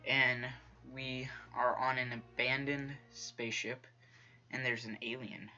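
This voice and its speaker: A man's voice: medium pitch, level tone, slow, highs cut off, over music. A young man commenting on a horror game he is playing, jumpy and talking to the characters on screen. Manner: jumpy, talks to the game's characters, whispers when tense. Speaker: gaming YouTuber. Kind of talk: let's-play commentary.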